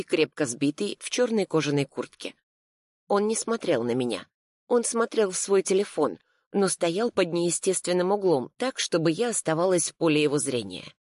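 A woman's voice: sits low, dry recording, studio quality. A woman reading a first-person thriller in a tense, suspenseful narration. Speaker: audiobook narrator.

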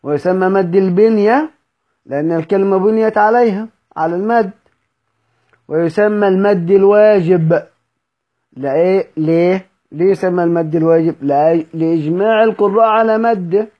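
Egyptian male teacher in a study session, a bit high-pitched, repeats and quizzes students, muffled recording. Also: moderate pace. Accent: Egyptian Arabic. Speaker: Quran recitation teacher.

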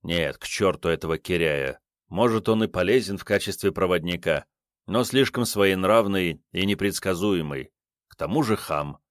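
A man's voice: deep voice, expressive, moderate pace, no room sound. A man voicing a terse, wary male army lieutenant who answers curtly and dryly. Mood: disgusted. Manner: curt, dry replies.

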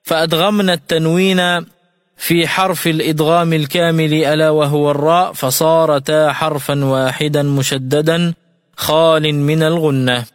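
A man teaching Quran recitation rules in a radio lesson, explaining each rule clearly and reciting examples slowly and melodically. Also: fairly high pitch, little pitch movement, dry recording, studio quality, in a large hall.

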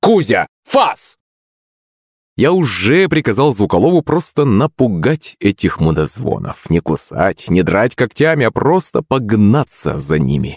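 A man narrating a first-person audiobook in a lively, wry storytelling manner. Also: deep voice, husky, dry recording, studio quality.

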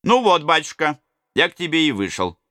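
A man's voice: a little high, big pitch swings, normal speed, bright, forceful tone, no echo, studio quality, voice pushed up. A man voicing an old grey-bearded male miller, sly and evasive, talking in a wheedling, coaxing way.

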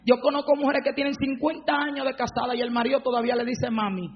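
A woman preaching a fervent sermon, breaking into shouted praise, on a dull lo-fi recording. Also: high-pitched, flat delivery, quick pace, long reverb tail.

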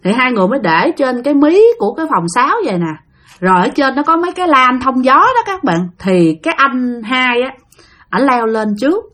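A woman's voice: high voice, very animated, a little fast, fairly bright tone. A woman narrating a ghost story in a chatty way, often speaking straight to her listeners. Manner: chatty, addresses listeners directly.

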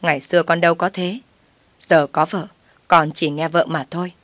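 Woman playing pushy older mother-in-law, scolding, low voice, dry. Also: steady tone, moderate pace, a bit bright, no room sound.

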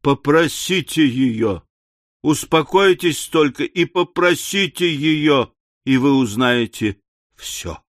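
A man doing a flustered stout English gentleman. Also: fairly high pitch, animated, slow pace, no echo, studio quality. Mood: insistent. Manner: pleading, raised and emphatic. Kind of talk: audiobook character reading.

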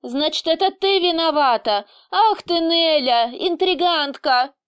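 A woman's voice: high-pitched, normal speed, no echo, pitched above the performer's own voice, close to an everyday voice. A woman reading an audiobook voices an irritable male boss who huffs, grumbles and bursts into indignant swearing. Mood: furious. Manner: indignant, huffing, swearing outbursts. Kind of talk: audiobook character voice.

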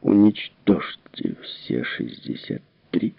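A man's voice: mid-range voice, very animated, moderate pace, husky, no echo, pitched above the performer's own voice. Casting: a man doing a cold, decisive woman scientist, clipped and demanding, audiobook reading, tinny and dry. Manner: clipped, questioning. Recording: tinny narrow-band recording.

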